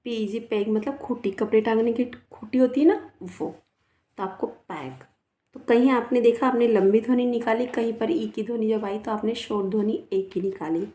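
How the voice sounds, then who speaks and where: This woman's voice sits on the high side, with fairly even intonation and a dark tone in a roomy-sounding space. She is a teacher with a Rajasthan Hindi accent leading a phonics lesson for children, slowly spelling out each word letter by letter and saying it again. Her manner is coaxing, and 'है ना' and 'बेटा' come up often.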